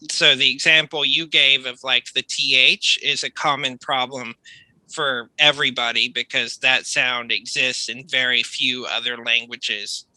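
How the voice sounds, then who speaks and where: Very bright, crisp-edged American man, dry sound. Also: mid-range voice, no room sound, rough recording. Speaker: accent coach, online tutor. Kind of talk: explanatory conversation.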